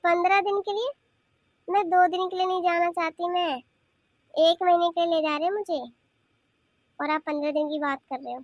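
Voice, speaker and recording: A cheeky young cartoon granddaughter talks back in a high, whiny voice, as a woman plays her. She argues and protests without letting up. The sound is dry and close. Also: steady tone, moderate pace, long pauses, no echo. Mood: stubborn. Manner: talking back, whiny and argumentative. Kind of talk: cartoon voice acting.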